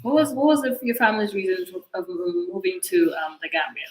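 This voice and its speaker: A woman of average pitch hosts an interview show, greeting her guest and asking him questions. She sounds friendly and uses a few fillers. The sound is echoey, as if in a reverberant room. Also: lively intonation, a little fast, a little mellow. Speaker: host. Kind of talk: interview hosting.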